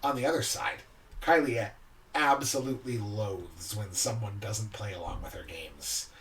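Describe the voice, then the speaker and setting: A man co-hosting a podcast, casually chatting about his tabletop game characters in a relaxed, explanatory way. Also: fairly low pitch, a little slow. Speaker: podcast co-host. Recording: distant mic with faint background noise.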